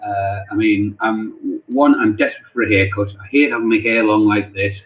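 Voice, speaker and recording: A man's voice: fairly low pitch, steady tone, background noise. Man on a tinny call. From North East England. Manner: halting, repeats words often. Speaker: football club chaplain. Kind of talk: casual interview answers. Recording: tinny phone-like call audio.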